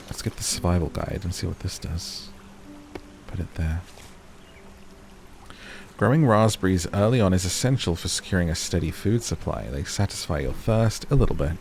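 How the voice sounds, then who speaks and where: A gaming video host talks casually while he plays, musing to himself and his viewers and reading out text from the screen. His voice sits low with a darkish tone, and there's a bit of background noise.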